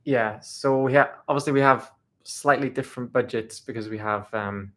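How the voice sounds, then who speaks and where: A young man co-hosting a relaxed live travel Q&A. His voice is mid-pitched and easygoing, and he talks in an unhurried, hesitant way, full of small fillers. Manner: laid-back, hesitant, many fillers. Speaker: travel vlogger co-host. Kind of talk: casual live Q&A chat.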